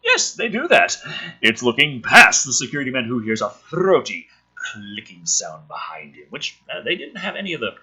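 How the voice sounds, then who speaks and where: A man with a husky, mid-range voice and wildly swooping pitch reads a film script aloud at a moderate pace, his tone sharp. His throat is a little rough because he's slightly ill, and as host he mocks the script with sweary, sarcastic, exasperated commentary, ranting and joking as he goes.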